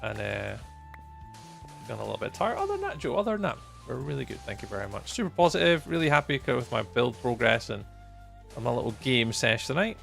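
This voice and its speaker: A very animated, quick-talking Scottish man in his forties, with a gravelly, fairly bright mid-range voice, chats casually and good-humouredly with live viewers while gaming. As a livestreamer he rambles, with frequent ums and chuckles, over soft background music.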